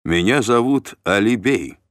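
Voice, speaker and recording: A man's voice: on the low side, animated, a little slow, fairly bright tone, no room sound, studio quality, voice pushed up. A man voicing a male guard commander who speaks formally, courteous yet firm, in an audiobook reading.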